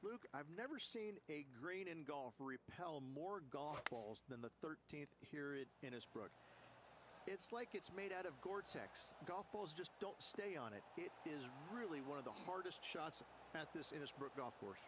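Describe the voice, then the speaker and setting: A man's voice: a little high, expressive, normal speed, background noise. A man giving golf color commentary, chatty and jokey, laughing easily between points.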